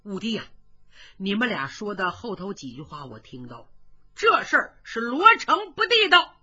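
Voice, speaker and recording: A woman's voice: mid-range voice, big pitch swings, normal speed, pushed and bright, dull audio, faint music behind. A woman doing a blunt brotherly old general. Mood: urging. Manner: pleading, urgent, brotherly.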